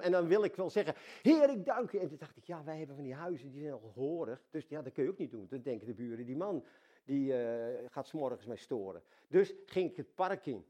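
An older man preaching a sermon, talking to God as his dad, swinging from soft intimate asides to loud excited exclamations. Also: medium pitch. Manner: addresses God casually as dad.

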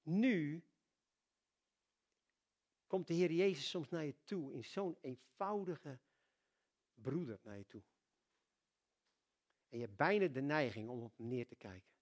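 A man preaching a sermon in a storytelling way. His voice sits fairly high for a man and keeps swinging between hushed and loud. He often repeats words as he builds a point. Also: animated, a little slow, pauses often. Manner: storytelling, with big swings in loudness and frequent repetitions.

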